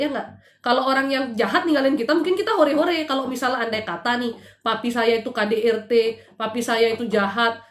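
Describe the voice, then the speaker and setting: A middle-aged woman from Indonesia speaks in a fairly high voice, telling her own story with feeling and asking the listener rhetorical questions. She is recorded at home in a room that echoes noticeably around her. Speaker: host giving spiritual consultation. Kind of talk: emotional personal testimony.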